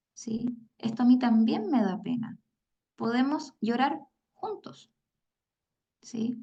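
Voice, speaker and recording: A woman's voice: a little high, muffled recording. A woman with a Chilean accent gives a conversational psychology lecture, often checking in with "¿sí?" and acting out quoted parents. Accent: Chilean Spanish. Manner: acts out quoted parents in a brighter voice. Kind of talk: online lecture.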